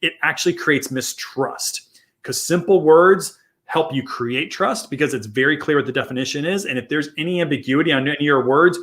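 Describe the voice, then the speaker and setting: A man's voice: a little high, a little fast, a bit bright. A man co-hosting a marketing podcast, explaining ideas in casual chat and often restarting and repeating his phrases. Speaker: co-host, marketing consultant.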